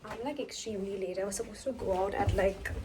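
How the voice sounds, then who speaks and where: A woman's voice: mid-range voice, fairly even intonation, fast. Chatty young woman vlogging on busy streets. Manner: chatty, talks straight to camera; whispers softly in the morning. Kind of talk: casual travel vlog. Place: city streets and shops, outdoors. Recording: noisy street background.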